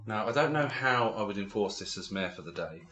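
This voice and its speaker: A man's voice: lowish voice, fairly quick. Man in his forties chatting, echoey room. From England. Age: 40s. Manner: animated storytelling, many fillers and restarts. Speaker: podcast co-host. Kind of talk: casual chat.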